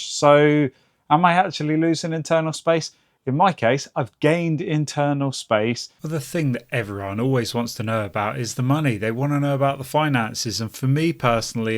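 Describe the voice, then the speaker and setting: A man with a mid-range voice hosts his own home vlog. He opens in a teasing whispered role-play outdoors in the cold, then talks through numbers in an easy, conversational way. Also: medium pitch. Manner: mock-dramatic, teasing, addresses the machine; conversational and technical. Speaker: homeowner channel host. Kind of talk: casual vlog narration. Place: outdoors by a house in winter.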